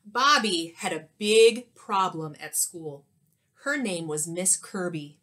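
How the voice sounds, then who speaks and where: A woman's voice: lowish voice, animated, slow pace, a bit bright. A woman in her thirties, a teacher, reading a picture book aloud expressively and explaining it to children. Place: small indoor room at home.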